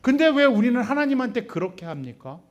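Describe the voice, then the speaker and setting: A man preaching a sermon in church, talking to the congregation with rhetorical questions, sudden loud stresses and quiet asides. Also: very high voice, sing-song, brisk, dull audio. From Korea. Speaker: pastor. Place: church sanctuary.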